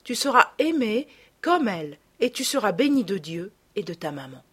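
Storybook role: a woman playing a refined noblewoman and mother, calm, tender and polite. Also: mid-range voice, normal speed, breathy edge.

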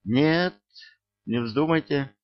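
A man's voice: low-pitched, expressive, takes it slowly, vocal fry, highs cut off, full character voice. Man voicing a frightened woman pleading. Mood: fearful pleading. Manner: pleading, fearful.

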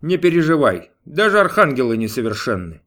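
A man's voice: mid-range voice, sing-song, fairly quick, a bit bright. A man reading an audiobook, voicing a grumpy, capricious male God who snaps, grumbles and mocks. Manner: snapping, grumbling, mocking. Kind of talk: audiobook character voice.

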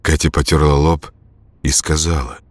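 Deep-voiced man narrating horror. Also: no echo. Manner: measured, steady storytelling. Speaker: audiobook narrator. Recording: music bed behind voice.

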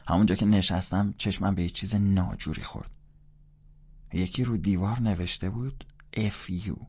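A man narrating a first-person audiobook in a casual, colloquial storytelling manner, with a gravelly, husky voice. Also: deep voice, fairly even intonation, a little mellow, lo-fi sound.

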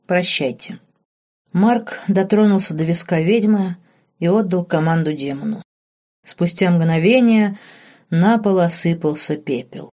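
A woman narrates a fantasy novel audiobook in a steady, measured storytelling manner. Her voice sits low and sounds warm and mellow. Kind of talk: scripted narration.

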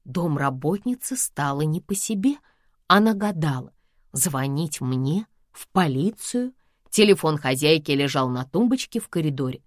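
Lively, wry woman narrating an audiobook. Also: low voice, moderate pace, no echo, studio quality.

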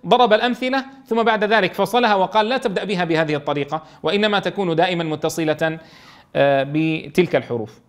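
High-voiced man teaching a Quran lesson. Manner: reads quoted text slowly, then explains quickly, often checking with listeners. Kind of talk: explaining a classical text in a lesson.

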